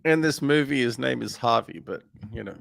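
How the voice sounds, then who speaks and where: A man's voice: medium pitch, expressive, a little fast, creaky, fairly bright tone. A man co-hosting a casual film podcast, recapping scenes in a rambling way with lots of fillers. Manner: rambling recap with many fillers, laughs easily. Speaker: podcast co-host.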